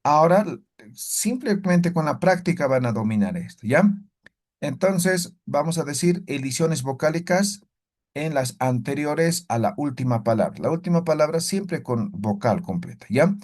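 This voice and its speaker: A man's voice: a little high, unhurried. A man teaching an online Aymara language class, often checking in with "¿ya?" and "¿no ve?". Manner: animated, exaggerates rises and falls to demonstrate.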